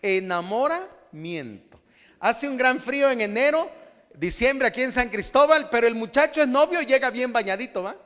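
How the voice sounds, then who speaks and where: A middle-aged man preaching a humorous, animated sermon as a pastor. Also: very high voice, fairly quick, long reverb tail.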